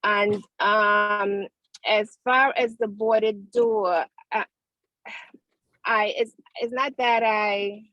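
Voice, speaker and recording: A woman calling in by phone from outdoors, testifying at a hearing in a hesitant, halting way as the line crackles and fades in and out. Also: mid-range voice, steady tone, no room sound. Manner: hesitant, halting, many restarts. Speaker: property owner appealing a violation. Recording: dry, muffled phone line.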